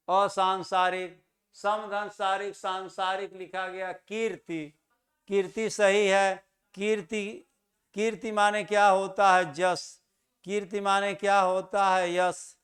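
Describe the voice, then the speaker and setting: A man teaching a Hindi grammar lesson for exam students, who asks questions and answers them himself and repeats key words slowly to stress their correct pronunciation. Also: sits high, a bit bright.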